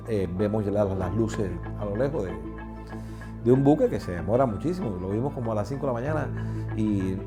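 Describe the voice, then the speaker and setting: A man's voice: lowish voice, mellow. A middle-aged man with a Cuban Spanish accent, telling his own story in an interview and acting out the voices in it. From Cuba. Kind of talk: personal storytelling.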